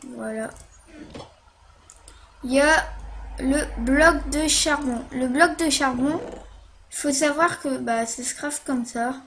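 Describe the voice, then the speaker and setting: A woman's voice: high-pitched, slow, pauses often, fairly bright tone, slight background noise. A woman talking through a casual game tutorial while she plays, hesitant, with many fillers and little "hop" sounds as she clicks.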